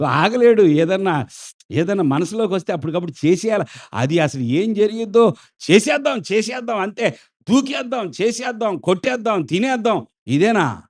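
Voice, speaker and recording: Male pastor, high voice, lively preaching that asks the congregation for answers. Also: moderate pace. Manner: animated, questions the congregation and acts out quotes. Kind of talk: sermon.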